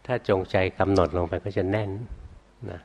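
An older man, a Buddhist monk, teaching meditation calmly and answering students' questions. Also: low voice, creaky, muffled recording. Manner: calm, unhurried, ends phrases with a soft particle; hard of hearing.

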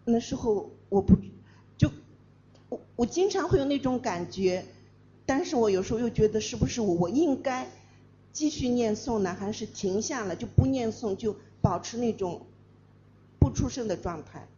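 Hesitant, slow, mellow-voiced woman student. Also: a little high, animated. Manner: hesitant, many fillers and restarts. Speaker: student asking a question. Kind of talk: audience question. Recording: dull lo-fi recording with faint room noise.

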